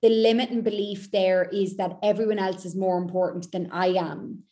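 A woman's voice: mid-range voice, steady tone, moderate pace, dark tone. A woman speaking as a mindset coach in a podcast interview, making her points in short, emphatic, repeated sentences.

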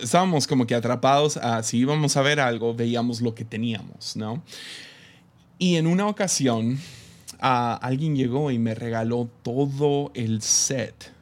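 A man's voice: mid-range voice, darkish tone. Laughing, chatty Mexican man. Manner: chatty, laughs often, many fillers and restarts. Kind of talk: casual reflective talk.

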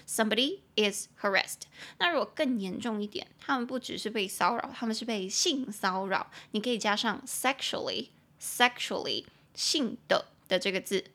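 Bright-voiced woman teaching English. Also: medium pitch. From Taiwan. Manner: chatty, slows down to spell and repeat English words. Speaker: podcast host teaching English. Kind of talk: bilingual English lesson podcast.

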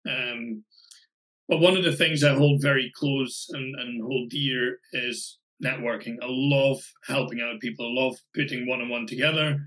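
A man with a Scottish accent chats as a guest on a podcast, talking loosely with plenty of "um"s and restarts. His voice sounds bright and forceful. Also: mid-range voice, fairly even intonation, moderate pace, rough recording. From Scotland. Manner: chatty, many fillers and restarts. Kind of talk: casual podcast interview.

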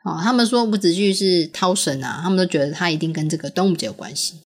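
A woman's voice: fairly low pitch, fast talker, slightly rough. A woman, patiently explaining a story to her young daughter, asking questions and laughing often. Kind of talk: casual storytelling chat with a child.

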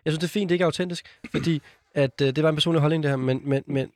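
A man's voice: fairly high pitch, steady tone, a little mellow, dry recording. A man in casual podcast chat, arguing earnestly and rambling with fillers.

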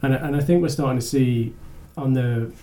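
A podcast host interviews someone in a loose, conversational way, his medium-pitched, warm voice moving at a moderate pace. He rambles, restarts sentences, corrects himself, and laughs lightly, with a faint hiss or hum in the recording.

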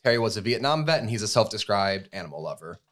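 A man in his thirties from the United States, co-hosting a podcast and telling a story in a relaxed, chatty way with fillers and restarts. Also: on the low side, fast. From USA. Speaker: podcast co-host. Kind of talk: casual chat.

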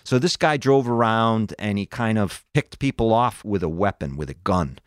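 A man's voice: on the low side, animated, moderate pace, clean tone, dry recording, studio quality. A man in his fifties hosting a podcast, talking through cases as a conversational true crime narrator.

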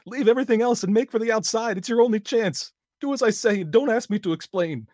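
Guy doing a panicked man screaming from under a grave, way high and loud. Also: quick pace, dry recording, studio quality, lightly acted. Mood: frantic screaming. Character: terrified man trapped in a crypt, frantic.

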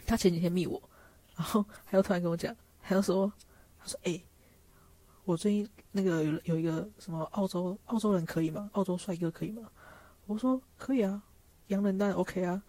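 A woman's voice: lowish voice, warm tone, no echo. A woman in her thirties from Taiwan, telling stories in casual chat, laughing often and acting out what others said. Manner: chatty, laughs often, acts out others' lines. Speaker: vlogger.

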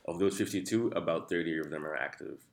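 Very deep-voiced man. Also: quick pace. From Angola. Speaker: interview guest, founder of a nightlife and tourism company. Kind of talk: explanatory interview answers.

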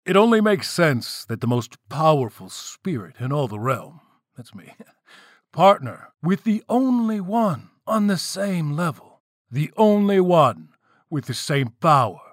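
A man's voice: a little high, big pitch swings, slow pace, no echo, pitched above the performer's own voice, exaggerated voice. Guy doing a smug show-off spirit king from a story, big swoopy voice, really dry sound. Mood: grandly boastful. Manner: self-satisfied, grandiose. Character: proud boastful male king of the spirits.

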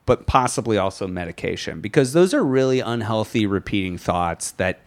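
A man's voice: fairly low pitch, lively intonation, brisk. A man co-hosting a podcast, talking casually in a rambling, hesitant way with many fillers. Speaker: podcast co-host. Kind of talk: casual chat.

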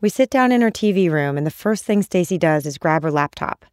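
Low-voiced woman podcast host. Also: dry recording, studio quality. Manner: measured, calm storytelling. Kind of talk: scripted narration.

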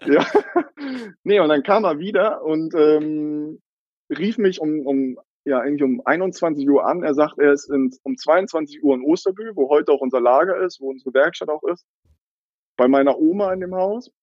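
A man's voice: a little high, normal speed, a little mellow, dry recording, lo-fi sound. A young man in his twenties telling the story of his coffee cart business in a casual interview, with many fillers and laughs.

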